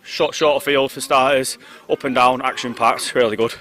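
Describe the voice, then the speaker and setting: A breathless man talking casually to a reporter on an outdoor sideline, his voice bright and forceful. He speaks loudly and modestly, with short clipped phrases. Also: mid-range voice, fairly even intonation, moderate pace. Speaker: player interviewed on bench.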